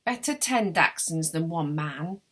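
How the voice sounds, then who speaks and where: A woman's voice: low-pitched, animated, measured pace, fairly bright tone, exaggerated voice. A woman voicing a blunt, sardonic older woman client who gossips with dry scorn. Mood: scornful.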